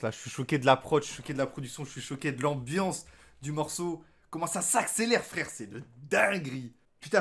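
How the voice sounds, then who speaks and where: A man streaming live, reacting to a rap album in excited, slangy commentary and repeating how shocked he is. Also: on the high side.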